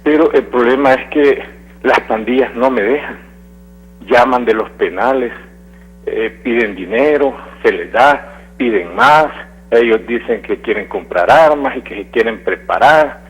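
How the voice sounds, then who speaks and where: A man's voice: medium pitch, measured pace, husky. A man phoning in to a radio show who speaks in an earnest, hesitant way with fillers. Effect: phone-line call-in voice on air. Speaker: radio call-in caller. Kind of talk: phoned-in opinion. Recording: dull phone line.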